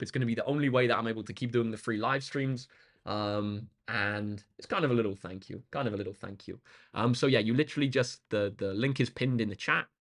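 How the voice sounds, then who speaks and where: A maths tutor livestreams, chatting casually and informally with viewers, addressing them directly and thanking them. His medium-pitched voice sounds slightly croaky and tired.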